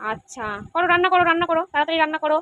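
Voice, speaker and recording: A woman plays with a toddler, coaxing in a sing-song baby-talk voice packed with questions. Her voice is very high and very fast, heard through phone-quality sound with background noise.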